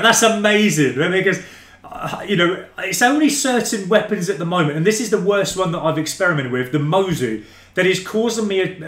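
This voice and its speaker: A man's voice: sits high, a bit bright. A man hosting a gaming live stream, chatting loosely and reading out viewer comments, calling them mate and guys. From England. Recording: roomy echo.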